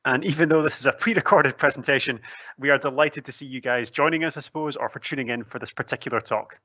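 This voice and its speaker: Young man with broad Scottish accent, bright voice. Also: mid-range voice, quick pace, no room sound, lo-fi sound. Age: young adult. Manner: chatty, articulate, lightly humorous. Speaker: student recruitment officer giving a presentation. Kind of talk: conversational pre-recorded presentation. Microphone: headset, seen on webcam.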